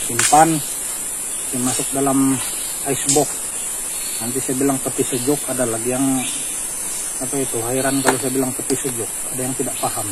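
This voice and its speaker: Pria Malaysia bersuara datar, alam terbuka. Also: male voice, mid-range voice, normal speed, pauses often. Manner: relaxed explaining, steady even delivery. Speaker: vlogger. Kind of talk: casual outdoor vlog. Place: hillside durian orchard, outdoors. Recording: outdoor recording with clear background noise.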